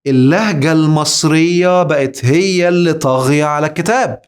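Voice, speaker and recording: A man's voice: on the high side, normal speed, clean tone. Emphatic Egyptian man lecturing. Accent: Egyptian Arabic. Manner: emphatic, rhetorical, addresses the listener directly. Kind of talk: religious lecture.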